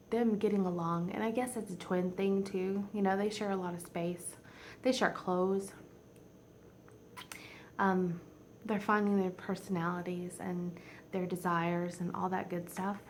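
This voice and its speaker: A woman in her forties, a home vlogger chatting casually, rambling and heartfelt and teary, often dropping to a soft near-whisper. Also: on the low side, steady tone, a little slow, pauses often, a little hiss or hum. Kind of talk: casual chat.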